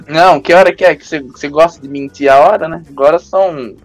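A young man with a Brazilian accent chats on a podcast, spinning comic stories in loose slang and breaking into laughs. His voice sits high for a man and sounds close and dry. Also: fast, no echo, soft background music. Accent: Brazilian Portuguese. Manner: joking storyteller, laughs often, heavy slang. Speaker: podcast host. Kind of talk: casual podcast chat.

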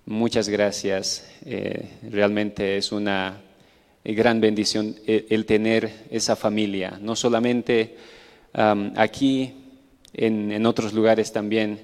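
A man gives a church testimony, hesitant and pausing often. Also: fairly low pitch, level tone, a little mellow. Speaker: church missionary giving testimony. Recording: echoey hall with long reverb.

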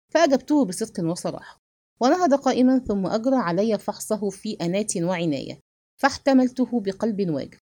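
A woman narrating a first-person novel in an expressive, measured reading. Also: medium pitch, dry recording, clean studio sound.

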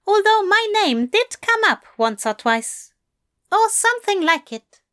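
A woman voicing a fussy, fond male angel who speaks in a genteel, prim and gently teasing way. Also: very high-pitched, sing-song, a little slow, voice pushed up, heavily acted.

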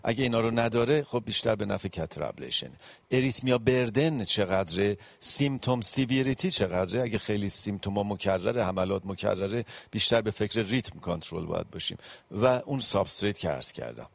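A man giving a medical panel lecture on cardiology, explaining step by step with frequent pauses and English medical terms mixed in. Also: lowish voice, animated, vocal fry, no room sound. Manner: mixes English medical terms into his speech.

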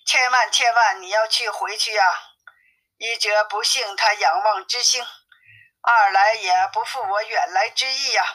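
A woman's voice: medium pitch, a little slow, pushed and bright, poor audio. A woman reading the lines of a greedy, pleading male pig monk in an audiobook story, in a coaxing manner.

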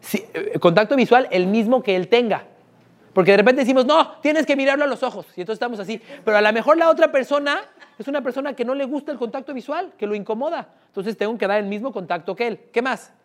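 A man's voice: very high voice, quick pace. A man with a Mexican accent running a live sales workshop, asking the audience frequent questions. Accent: Mexican Spanish. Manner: lively, asks the room questions often. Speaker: sales trainer.

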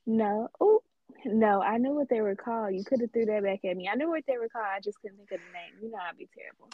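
Husky, giggly podcast co-host woman. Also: medium pitch, fast, no room sound, phone-quality sound. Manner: giggly, teasing, loose and informal. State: tipsy from wine. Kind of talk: casual chat.

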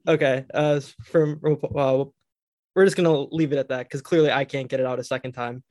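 Casting: young male podcast host, stuffed-up nasal voice, halting with fillers, dry close sound. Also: mid-range voice, steady tone, a little mellow, dry recording. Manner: halting, many fillers and restarts, laughs a lot. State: nasal from a cold. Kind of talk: casual sports interview.

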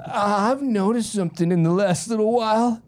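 A man putting on the voice of a folksy male candy maker chatting with his wife, in a high, hammy tone. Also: moderate pace, darkish tone, lightly acted. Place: studio.

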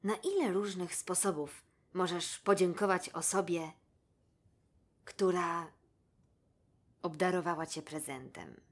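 A woman reading a children's story aloud in a gentle, measured way. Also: on the low side, breathy edge. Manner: gentle, measured, addresses the listener.

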